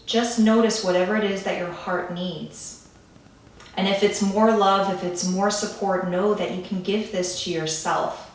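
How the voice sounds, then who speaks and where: Woman, calm guided grounding meditation, gentle and soothing, medium pitch, very reverberant room, distant mic. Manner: gentle, soothing, unhurried phrasing with pauses.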